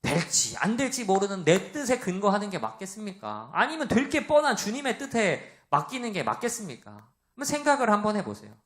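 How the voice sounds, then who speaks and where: A man preaching a sermon to young adults, with a loud voice, asking the congregation questions and acting out the voices he quotes. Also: sits high, huge pitch swings, a little fast, hardly any pauses. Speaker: pastor.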